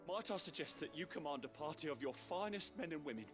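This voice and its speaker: An actor playing an effusive, grandiose gourmand in a video game, speaking in florid, theatrical style. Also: male voice, on the high side, lively intonation, quick pace, lightly acted. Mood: indignant enthusiasm. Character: flamboyant, effusive male gourmand rhapsodising over a dish. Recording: background music under the voice.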